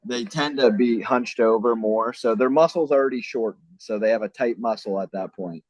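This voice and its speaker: Speaking at a moderate pace in a mid-range, slightly mellow voice, this mobility trainer answers interview questions in a relaxed, explanatory way, leaning on phrases like "I mean" and "right?". There's no echo, though the audio comes across as dull and lo-fi.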